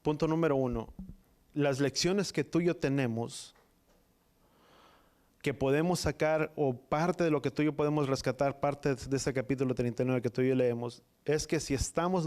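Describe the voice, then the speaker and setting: Slow, halting male preacher. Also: medium pitch, a little mellow. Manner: halting reading, repeating "dice" between phrases. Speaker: pastor. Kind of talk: sermon reading and explaining scripture.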